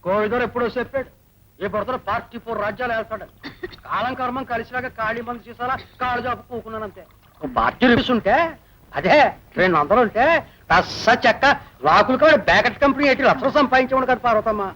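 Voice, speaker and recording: A man's voice: extremely high pitch, fast talker, sharp tone. An actor playing an older man who rambles wistfully about riches. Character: daydreaming older man fixated on rupees. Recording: dull old film soundtrack with faint noise.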